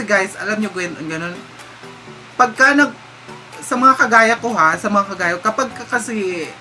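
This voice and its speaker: A man's voice: sits high, pushed and bright. A man with a Visayan accent chatting casually through a vlog Q&A, giggly and slipping English phrases into his talk. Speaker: vlogger. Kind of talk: casual Q&A chat. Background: background music.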